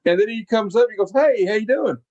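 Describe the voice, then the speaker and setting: A man's voice: high-pitched, expressive, fairly quick, a little mellow, highs cut off. Rambling man in his late forties. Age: 40s. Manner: rambling, reminiscing with many fillers. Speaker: podcast host. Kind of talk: casual chat.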